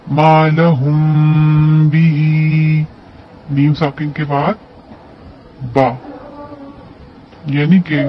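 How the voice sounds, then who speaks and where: Slow, patient man teaching recitation. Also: mid-range voice, lo-fi sound, a little hiss or hum. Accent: Urdu. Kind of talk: tajweed lesson with slow recited examples.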